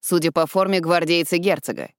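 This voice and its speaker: A woman voicing a man on lookout who gives brisk, matter-of-fact reports. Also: on the low side, steady tone, clear, resonant tone, no room sound, studio quality, natural voice. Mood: alert.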